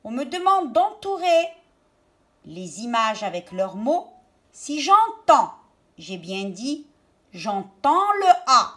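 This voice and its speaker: Slow, bright-voiced teacher talking to children. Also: female voice, fairly high pitch, very animated. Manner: slow, deliberate, stresses and repeats words for children. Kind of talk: children's reading lesson.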